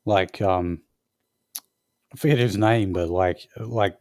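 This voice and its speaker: A man's voice: deep voice, slow, a little mellow, dry recording, clean studio sound. A man co-hosting a podcast, reading out news stories in a hesitant way with many fillers. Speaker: podcast co-host. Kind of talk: casual news discussion.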